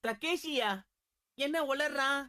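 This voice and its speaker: A woman voicing a loud, pushy bully schoolboy with an in a dubbed cartoon. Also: sits high, takes it slowly, exaggerated voice. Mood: smug. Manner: brash, bossy, smug. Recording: cartoon music underneath.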